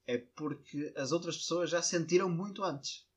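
A man's voice: on the high side, normal speed, husky. A man with a northern Portuguese accent chatting casually with a friend, slangy and foul-mouthed. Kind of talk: casual banter between friends.

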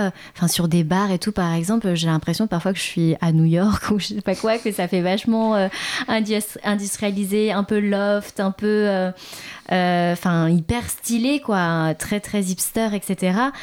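A woman interviewing guests, chatty and relaxed, with frequent fillers. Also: medium pitch, moderate pace. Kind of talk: casual interview.

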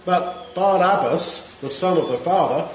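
A man's voice: high voice, measured pace. Male preacher, conversational sermon, dull lo-fi recording with faint hiss. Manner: conversational, acts out crowd voices. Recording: echoey room, dull sound, faint noise.

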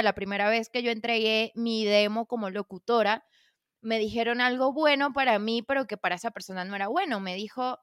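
Venezuelan woman, podcast host, lively, bright high voice, dry close mic. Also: clear, resonant tone, no room sound. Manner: lively storyteller, laughs easily. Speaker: podcast host, voice-over artist. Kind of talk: casual interview chat.

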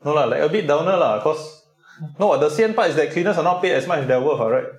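A man's voice: a little high, lively intonation, quick pace. A Singaporean man in a casual chat, speaking colloquial Singlish sprinkled with lah and Malay slang. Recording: roomy, echoing sound.

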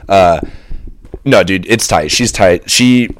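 A man's voice: deep voice, slow. A young man co-hosting a podcast in casual chat, joking and rambling. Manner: joking, rambling, slips into a soft put-on radio voice. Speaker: podcast co-host.

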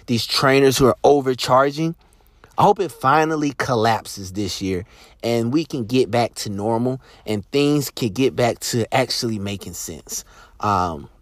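A man's voice: mid-range voice, dry recording, clean studio sound. A man hosting a podcast about sports agents, ranting passionately with emphatic repetition and frequent restarts. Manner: passionate, emphatic, repeats words and restarts often. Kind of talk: podcast rant.

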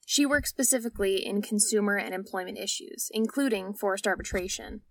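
A woman's voice: mid-range voice, a little fast, gravelly, no room sound. A young woman narrates an explanatory podcast in a conversational, informal tone. The sound is very dry, as if in a small closet, and a little away from the mic. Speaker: podcast host. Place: small clothes closet at home, indoors. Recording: close, dry home closet recording, slightly distant.

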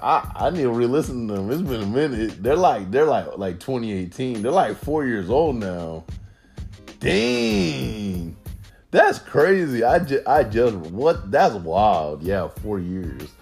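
A man's voice: mid-range voice, sing-song, measured pace, a little mellow, soft background music. A young man, hosting a podcast and telling a funny college story in a rambling, slangy way, repeating himself often. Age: young adult. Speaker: podcast host. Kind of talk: casual storytelling monologue.

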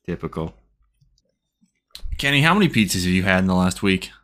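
A man's voice: low-pitched, sing-song, a little fast, bright, forceful tone. A young man co-hosting a casual podcast chat, rambling with hesitant restarts. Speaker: podcast co-host.

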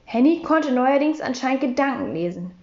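A woman reads a children's story aloud, her high voice rising and falling with lively expression. The sound is roomy and slightly dull, like a room recording. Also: moderate pace. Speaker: audiobook reader. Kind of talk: children's audiobook narration.

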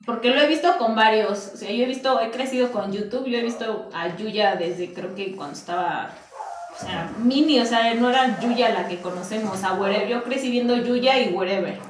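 A woman's voice: a little high, moderate pace, far from the mic, a little hiss or hum. A woman with a Mexican accent, talking casually as a podcast guest and filling her speech with "o sea". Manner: chatty, many fillers like "o sea". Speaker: guest youtuber. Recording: echoey room, voice from afar.

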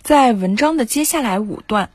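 Husky woman teacher reviewing an essay. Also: on the high side, expressive, a little mellow, dry recording. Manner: measured, explanatory. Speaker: writing teacher. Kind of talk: essay commentary.

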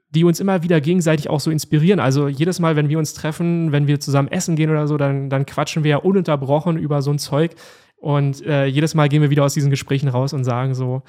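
A man's voice: on the high side, fairly even intonation, fairly quick, a little mellow. A man hosting a podcast, who praises his guest with enthusiasm and speaks directly to his listeners. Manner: enthusiastic, effusive, talks to listeners. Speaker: podcast host. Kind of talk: casual podcast interview.

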